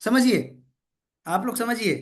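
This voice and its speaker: A lively man runs a sales workshop over a video call. He drives the group through call-and-response drills and keeps asking whether everyone is with him. He also teases participants good-naturedly along the way. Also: very high-pitched, measured pace. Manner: energetic call-and-response, keeps checking in with "okay?"; playful teasing of participants. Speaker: sales trainer. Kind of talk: interactive online training session.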